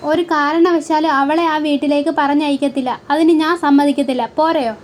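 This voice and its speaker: A woman recapping a television serial episode, reading out every role's lines in one plain, even voice. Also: high voice, fairly quick, a little hiss or hum. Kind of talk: reading out soap opera dialogue.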